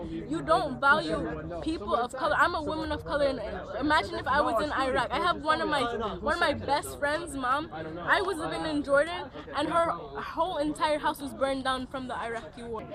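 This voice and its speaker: A young woman protester speaking emphatically in an interview, often saying "like". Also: sits high. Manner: emphatic, uses "like" a lot. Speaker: student protester. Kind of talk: impassioned street interview. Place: outdoors at a protest. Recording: outdoors amid loud crowd.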